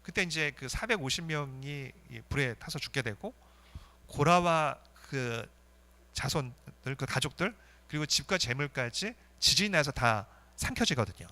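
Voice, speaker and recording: Lively, bright-voiced male pastor preaching. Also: medium pitch, measured pace. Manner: earnest, lively preaching, rising and dropping to soft intensity. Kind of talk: sermon.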